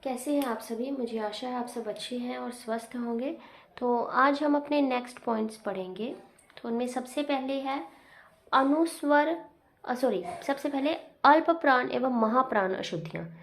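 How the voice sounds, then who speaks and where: A woman's voice: high-pitched, moderate pace, slight background noise. A woman teaching a Hindi writing lesson, explaining each point with repeated examples and asides. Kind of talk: classroom lesson.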